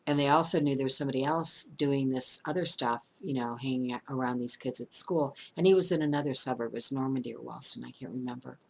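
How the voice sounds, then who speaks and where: A woman in her sixties telling a true story casually to the camera, dropping to a hushed whisper at suspenseful moments. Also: rumbling low, fairly even intonation, quick pace, vocal fry, hardly any pauses. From St. Louis area, USA. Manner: conversational, with fillers and restarts. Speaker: storyteller, channel host.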